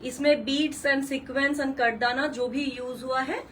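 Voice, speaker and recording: A woman's voice: high-pitched, fairly even intonation, takes it slowly, a bit bright, recorded from a distance, slight background noise, poor audio. A woman hosting a live saree sale, gushing and repeating color names, mixing English words into Hindi. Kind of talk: live-stream sales pitch.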